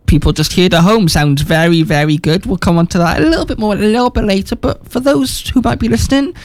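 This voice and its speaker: A man's voice: high-pitched, quick pace. A man presenting a radio show, asking a guest friendly leading questions in the studio. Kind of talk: radio interview hosting.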